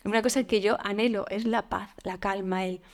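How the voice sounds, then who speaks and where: A woman, a podcast guest talking openly and reflectively, with frequent fillers and soft laughs. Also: medium pitch, steady tone, moderate pace. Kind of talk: candid conversational interview.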